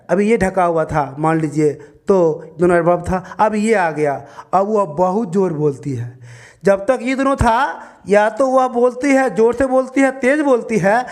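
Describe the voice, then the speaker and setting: A man teaching English grammar, patiently explaining and asking questions that he answers himself. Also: sits high. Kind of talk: classroom grammar lesson.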